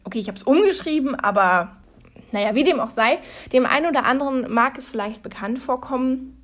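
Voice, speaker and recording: A woman with a fairly high voice chats on her own from the desk in her room. She rambles playfully and jokes at her own expense, keeping the tone light and casual throughout. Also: lively intonation, moderate pace. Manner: chatty, self-mocking, playful. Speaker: vlogger. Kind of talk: humorous casual monologue.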